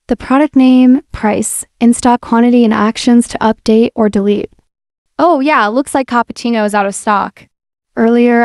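A woman whose pitch runs on the high side presents software in a casual screen-recorded walkthrough of an app. Her explanation is relaxed, friendly and step by step, delivered as a voice-over. A voice-over mic gives a dry recording of studio quality.

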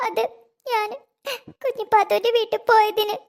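A woman's voice: very high voice, level tone, normal speed. A tearful little cartoon girl. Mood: hurt, timid. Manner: pleading, whimpering. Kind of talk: animated cartoon dubbing.

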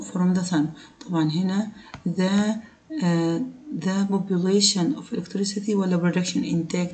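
A woman teaches English vocabulary in an Egyptian Arabic accent. Her voice sits low and mellow. She reads each English sentence slowly, then explains it in quicker Arabic. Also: rough recording. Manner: switches between Arabic and English, slow on English sentences.

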